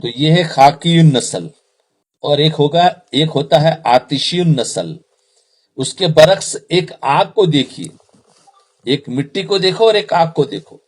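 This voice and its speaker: Husky-voiced man preaching a sermon. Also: a little high, expressive. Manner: repeats phrases, asks the audience rhetorical questions. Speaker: Islamic preacher.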